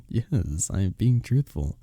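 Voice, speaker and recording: In an intimate romantic fantasy roleplay, a man plays a courteous young village innkeeper who is smitten, speaking softly and breathily with formal, bashful wording. His pitch is fairly low, and the heavily acted performance is a dry, studio-quality recording.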